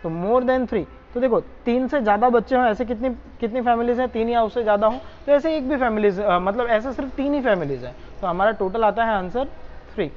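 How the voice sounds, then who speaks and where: A woman's voice: fairly high pitch, expressive, a little fast, a little hiss or hum. Woman tutor, muffled lo-fi lecture. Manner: explains step by step, checks understanding with "is that clear". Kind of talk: exam solution lecture. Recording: muffled lo-fi recording.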